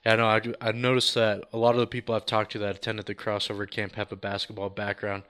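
Male interview host, quick and smooth, low-ish voice. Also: completely flat delivery, a bit bright. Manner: friendly, asks questions. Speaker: podcast host. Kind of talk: casual interview.

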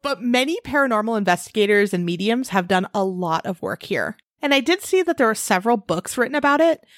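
An upbeat, chatty woman co-hosting a podcast in easygoing conversation. Her voice sits at an ordinary middle pitch for a woman. The recording is close and dry, with no room echo at all. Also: lively intonation, brisk. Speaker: podcast co-host. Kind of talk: casual chat.

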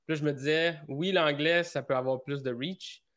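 A man with a Québécois accent, a podcast guest talking in a relaxed, hesitant way with plenty of fillers. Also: on the high side, normal speed. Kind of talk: casual interview chat.

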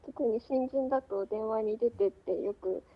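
Female phone-in listener, twenties, ultra-polite and hesitant, nervous, highish pitch, muffled telephone audio. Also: normal speed, breathy edge. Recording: muffled phone-line sound.

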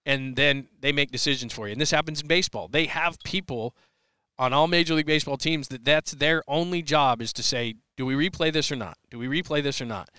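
Bright, clear-voiced man talking sports. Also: on the high side, fairly quick, dry recording, studio quality. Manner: rambling, conversational, many restarts. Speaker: sports radio host. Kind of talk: live podcast chat answering listener questions. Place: press area at a big sports event.

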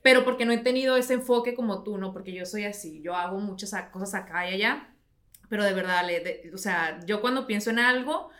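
Bright-voiced encouraging woman interviewer. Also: mid-range voice, brisk. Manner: warm, encouraging, supportive. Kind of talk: casual interview chat.

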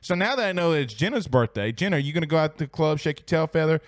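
Guy hosting a podcast, slightly high voice, rambly and blunt, dry sound. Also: big pitch swings, racing, no room sound. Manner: rambling, blunt, swears casually. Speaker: host. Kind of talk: casual sports podcast chat.

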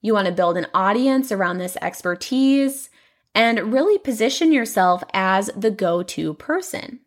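A woman's voice: mid-range voice, lively intonation, unhurried. A young woman hosting her own podcast, chatting in a casual, upbeat way with lots of "you know" fillers. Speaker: podcast host.

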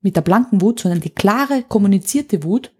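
A woman's voice: medium pitch, animated, moderate pace, darkish tone, slightly rough. A woman, an anger coach talking in an interview, explaining emphatically with vivid examples. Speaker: anger coach, podcast guest. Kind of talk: conversational interview.

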